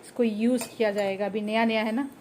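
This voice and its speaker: A woman's voice: fairly high pitch, steady tone, brisk, darkish tone, slight background noise. A young woman talking casually to her viewers in a home vlog, chatty, narrating what is going on around her at home. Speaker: vlogger. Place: home balcony at night.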